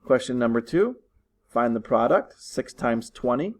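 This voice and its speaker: A man's voice: mid-range voice, animated, a little slow, poor audio. A man teaching his students from his living room, walking them through test questions patiently and repeating instructions. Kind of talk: recorded online lesson walkthrough.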